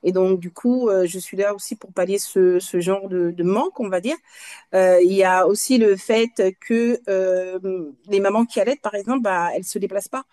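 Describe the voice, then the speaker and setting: A woman in her fifties from Guadeloupe, a night nurse answering interview questions in a halting way, pausing often to find her words. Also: medium pitch, dark tone. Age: 50s. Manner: halting, searching for words between pauses.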